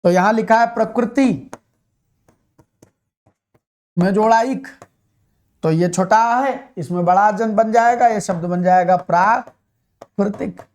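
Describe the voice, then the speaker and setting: A Hindi teacher with a fairly high, darkish voice explains grammar in an exam-prep lesson, taking it slowly and pausing often. He drives points home by repeating key words and tossing rhetorical questions at students.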